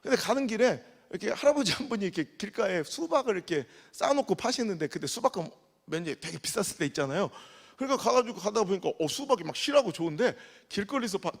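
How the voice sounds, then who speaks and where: High-voiced preacher in a reverberant hall. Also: male voice, fast, creaky. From Korea. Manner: animated storytelling, acts out dialect dialogue, swings from soft to loud. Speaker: pastor. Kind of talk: revival sermon. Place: large church sanctuary. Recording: long church hall reverb.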